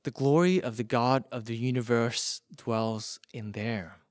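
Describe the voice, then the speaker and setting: A male preacher acting out a stern guard of an ancient Israelite camp, speaking firmly and sometimes dropping to a hushed tone, in a dry close sound. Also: medium pitch, unhurried, dry recording, voice pushed down, lightly acted.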